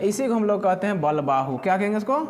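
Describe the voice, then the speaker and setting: Man, high voice, physics teacher in a classroom, asks questions and answers them himself. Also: animated, fast talker, crowd noise. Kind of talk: classroom lesson with questions to students.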